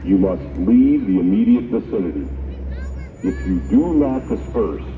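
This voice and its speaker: A male police officer giving firm, commanding dispersal orders over a loudspeaker like a bullhorn, outdoors on a city street at night. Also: fairly low pitch, huge pitch swings, measured pace, vocal fry, some chatter behind. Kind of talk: public address announcement. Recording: distant echoey loudspeaker, muffled, loud street noise.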